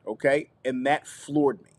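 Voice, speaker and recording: Male content coach, live stream host, energetic and repetitive, talks straight to the audience. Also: mid-range voice, a little slow. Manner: animated, repeats phrases, checks in with viewers. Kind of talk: YouTube live teaching session.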